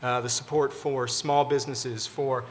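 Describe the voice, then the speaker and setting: A man, a government official on a panel, giving measured, formal answers about policy. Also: mid-range voice, level tone, slight background noise.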